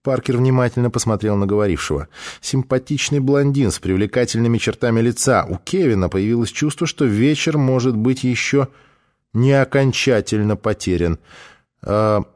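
A man's voice: mid-range voice, lively intonation, normal speed, darkish tone. A man narrating an audiobook, shifting his voice for each character's lines. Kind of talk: audiobook reading with voiced dialogue.

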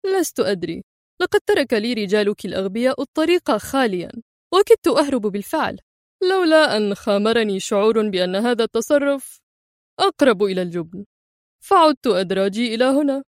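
A woman voicing a calm, mocking male secret agent with dry sarcasm. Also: on the high side, brisk, dry recording, natural voice.

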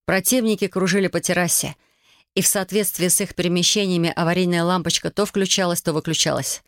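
An audiobook narrator reading a tense scene in measured, even storytelling. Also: mid-range voice, no echo, studio quality. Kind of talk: scripted narration.

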